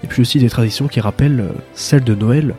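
A man's voice: mid-range voice, fast, mellow, soft background music. A man hosting a casual radio show, joking with co-hosts and reading out notes. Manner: jokey, leads the order of speakers.

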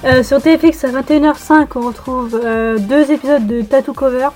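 A young woman with a high voice reads the evening TV listings as a radio co-host. She talks casually, with teasing asides and hesitant fillers. She sits away from the microphone. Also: moderate pace, darkish tone, faint music behind.

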